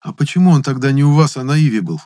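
A man's voice: mid-range voice, expressive, quick pace, dark tone, voice pushed up, close to an everyday voice. A man voicing a young fellow with a grown man's mind, guarded, curt and self-assured. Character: cocky youth with an adult's mind.

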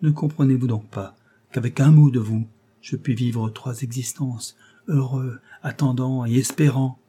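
A fervent young man in love, pleading and swearing vows, as a male reader voices him. The voice is dark, soft-edged and husky. It stays close to the reader's own voice but rises in his fervor. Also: mid-range voice, fairly even intonation, a little slow. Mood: exalted. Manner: impassioned, pleading. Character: young man, ardent and desperate lover.

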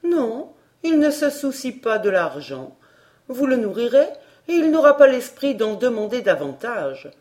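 A scheming old beggar woman who pretends to be simple, wheedling and scornful as she bargains, as a woman reading a storybook puts her on. Her voice rises a little higher and louder, and it swings widely in pitch. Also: sing-song, unhurried.

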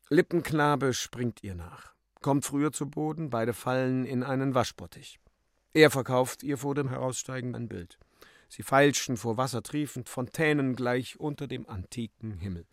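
A man narrates a radio play in a measured, storytelling voice at an ordinary middle pitch. The recording is dry and close, with no room sound. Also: dry recording.

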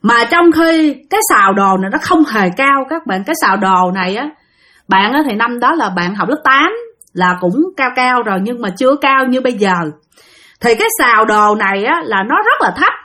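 A woman retelling a ghost story, talking straight to her listeners. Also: sits high. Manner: addresses listeners directly, lively and animated.

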